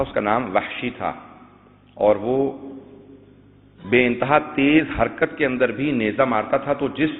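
Impassioned male preacher, tinny echoing hall. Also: medium pitch. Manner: swells into loud sung recitation of verses; addresses listeners as dear ones, tells stories. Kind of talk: Shia majlis sermon with sung poetry. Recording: tinny phone-like sound with long hall echo.

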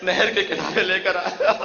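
A large hall's long reverb echoes around a man giving a mourning sermon in a bright, high voice. He tells the story with passion that builds as he goes, though the recording itself is lo-fi and dull.

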